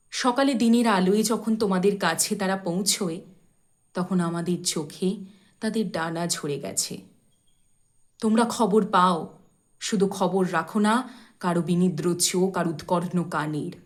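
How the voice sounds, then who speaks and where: In a fairly low voice, a woman performs a dramatic poetry recitation. She speaks in a measured, expressive manner, pausing deliberately and letting her phrases end softly.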